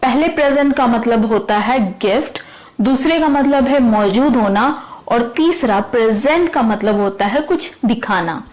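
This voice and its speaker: A woman teaching English vocabulary in Hindi, reading example sentences slowly and carefully. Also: on the high side, lively intonation, a little mellow, rough recording.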